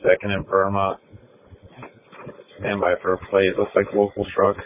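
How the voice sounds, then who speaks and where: A man's voice: low voice, monotone, normal speed, no room sound. A man, a police officer, reporting over a police radio transmission in a clipped, matter-of-fact way. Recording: narrow crackly two-way radio.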